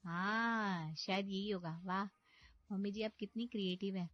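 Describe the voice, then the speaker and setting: A woman's voice: medium pitch, fairly even intonation, unhurried, dry recording, lightly acted. Woman doing a naive young bride. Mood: innocent. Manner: sweet, innocent and chatty. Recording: slightly dull audio with background music.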